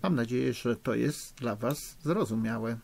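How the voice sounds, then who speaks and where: Middle-aged man, patient schoolteacher reading to kids, husky. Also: medium pitch, a little mellow. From Poland. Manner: slow, patient, encouraging, spells out spelling rules. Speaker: teacher. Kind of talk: recorded remote lesson for children. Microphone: recording for a lesson video.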